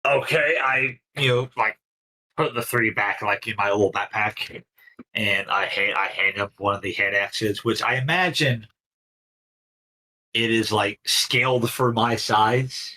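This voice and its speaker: A man's voice: lowish voice, fairly even intonation, unhurried, pushed and bright, poor audio. Hesitant man at the gaming table. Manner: hesitant, rambling, lots of "like". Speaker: player. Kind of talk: casual tabletop play.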